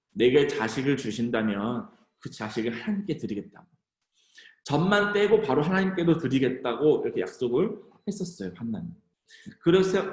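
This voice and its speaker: Animated male youth preacher in echoey hall. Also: fairly high pitch. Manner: animated storytelling, addressing teens directly. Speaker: youth pastor. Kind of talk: youth sermon. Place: church.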